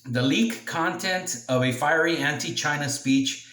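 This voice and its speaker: A man reading a news article aloud as a commentator, halting now and then as he stumbles over words. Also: fairly high pitch, a bit bright. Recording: echoey room, distant from mic.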